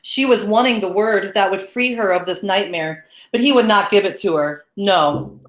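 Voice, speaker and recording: In a room with noticeable echo, a woman with a mid-range voice reads from a novel. Her delivery stays steady, even and measured throughout.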